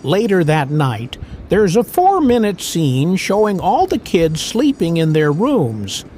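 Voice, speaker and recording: A man's voice: high voice, wildly swooping pitch, slow pace, a little mellow, a little hiss or hum. A man narrating a scripted movie recap, walking through the plot scene by scene in a plain storytelling manner.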